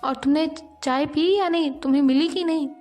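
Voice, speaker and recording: A woman's voice: high voice, normal speed, a little mellow, faint music behind, natural voice. A woman voicing an easily offended young woman office worker who snaps indignantly. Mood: irritated. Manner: snappish, indignant.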